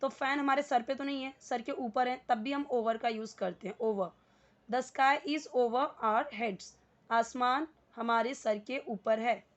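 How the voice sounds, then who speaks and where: A woman's voice: on the high side, steady tone, moderate pace, few pauses, lo-fi sound. A woman teaching English in Hindi, explaining patiently word by word and mixing in English terms. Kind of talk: Hindi-English spoken lesson.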